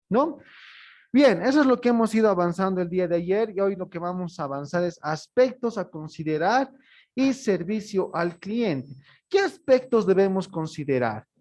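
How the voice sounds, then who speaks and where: Male instructor, slightly higher pitch, explanatory lecture delivery. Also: darkish tone. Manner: explanatory, ends phrases with tag questions. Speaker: teacher. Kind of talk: online class lecture.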